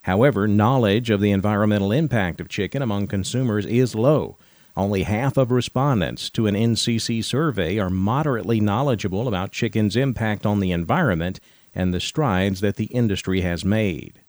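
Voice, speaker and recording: An American man anchoring radio news, reading scripted headlines in a formal, measured announcing manner. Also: fairly low pitch, darkish tone, dry recording.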